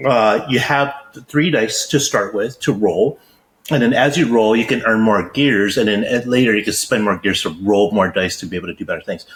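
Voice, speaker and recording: A man's voice: mid-range voice, fairly bright tone, echoey room, rough recording. A man co-hosting a podcast, casually explaining how a dice game works. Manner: laid-back explanatory. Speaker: podcast co-host. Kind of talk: casual board game chat.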